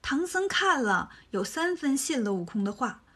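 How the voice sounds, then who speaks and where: A woman narrating a children's story in a lively, colloquial way. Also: high-pitched, moderate pace.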